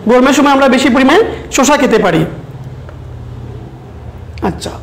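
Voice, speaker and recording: A woman teacher with a Bangladeshi accent, leading a recorded English lesson for children, repeating each word slowly and switching between English and Bengali. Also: high-pitched, lively intonation, roomy sound, slight background noise, poor audio. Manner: slow, repeats words, mixes English and Bengali. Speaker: primary school English teacher.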